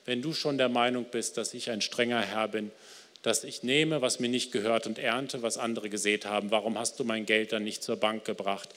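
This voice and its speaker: A stern, newly crowned king speaks low and grave, a male preacher voicing him as he reads. His words hang in a long hall reverb. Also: fairly even intonation, moderate pace, fairly bright tone, lightly acted.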